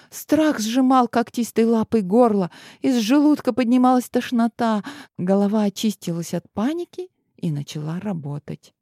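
Expressive woman narrating a fantasy audiobook. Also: a little high, no echo, clean studio sound.

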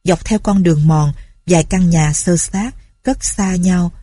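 Husky-voiced woman narrating a story. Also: on the low side, a little slow, warm tone, no echo, studio quality. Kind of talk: audiobook narration.

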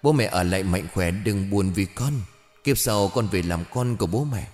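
A man doing a gentle young boy's ghost. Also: sits low, moderate pace, long reverb tail, soft background music, close to an everyday voice. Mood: tender farewell. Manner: youthful and innocent, soft. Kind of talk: ghost story reading.

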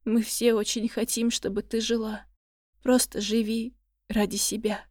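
Woman reading a hoarse, soft-voiced grieving mum, quiet and dry. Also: on the high side, flat delivery, a little slow, no room sound. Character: grieving mother at a hospital bed.

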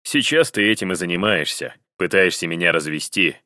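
A man voicing a betrayed husband who speaks slowly, grimly and wearily in an audiobook. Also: low voice, expressive, sharp tone, dry recording, studio quality. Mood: weary. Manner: slow, grim, clipped. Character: betrayed husband, grim and weary. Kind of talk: audiobook character voice.

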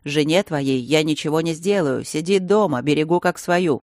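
A man voicing a menacing middle-aged rebel lord who barks threats in a loud, raised voice. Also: a little high, normal speed, dry recording, studio quality, lightly acted. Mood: threatening. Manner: barking, threatening.

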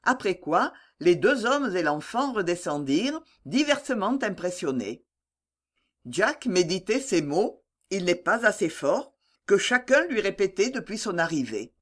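An audiobook narrator reads a classic novel in a measured, expressive way. The pitch sits in a middle range but moves about freely, which keeps the descriptive passages lively.

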